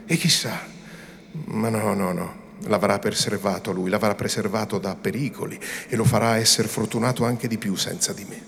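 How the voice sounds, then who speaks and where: A man voicing a young devout woman who pleads softly and earnestly through tears. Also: fairly low pitch, steady tone, normal speed, vocal fry, slight background noise. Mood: tearful pleading. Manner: soft, earnest and imploring.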